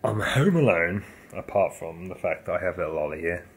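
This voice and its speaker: A man's voice: sits low, expressive, a little fast, breathy edge. A young man talking casually to camera in a home vlog, upbeat and chatty with lots of fillers. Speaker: fitness vlogger.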